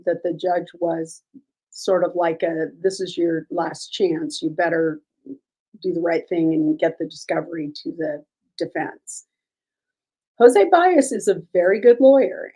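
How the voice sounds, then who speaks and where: On a livestream, a woman host chats casually about court cases and answers questions from the chat. Her voice sits on the low side, warm and scratchy with a breathy edge. She offers measured legal opinions, though her speech is full of ums and restarts.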